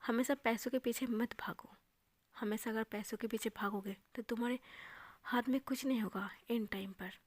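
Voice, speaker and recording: A woman's voice: a little high, fairly even intonation, moderate pace, dry recording, lightly acted. Woman reading as a cold, taunting young man. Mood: scornful.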